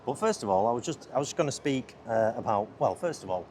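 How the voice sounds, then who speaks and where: With lively intonation and a quick pace, this mid-range male voice belongs to a podcast host and filmmaker rambling outdoors on a busy city riverside. He chats, gets sidetracked, and interrupts himself. Loud surroundings come through his lapel mic.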